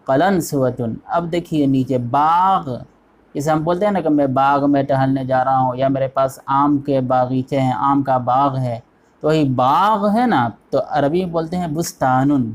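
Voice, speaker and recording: A man's voice: a little high, a little mellow. Patient male Arabic teacher drilling vocabulary. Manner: repeats each word and quizzes the listener; patient, step-by-step explaining. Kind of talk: online textbook lesson.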